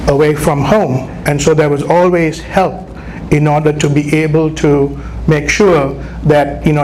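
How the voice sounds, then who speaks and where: Speaking with a Sri Lankan accent and a voice on the high side, a middle-aged guest speaker motivates a business chamber audience in a conversational style, often adding "right?". Background noise from the live event comes through clearly.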